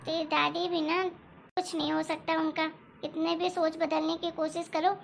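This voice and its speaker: A woman voicing a caring mother in a family story, soft-spoken and steady. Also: extremely high pitch, moderate pace, creaky, slight background noise. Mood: soothing. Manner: soft, soothing. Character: gentle loving mother of a young daughter. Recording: dull lo-fi recording.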